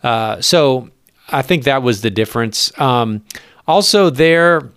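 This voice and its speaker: Radio dude as a guest, excited, lots of likes and ums, medium voice, dry close sound. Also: male voice, mid-range voice, slow, smooth, no room sound. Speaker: radio broadcaster and voice actor guest. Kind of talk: casual interview chat.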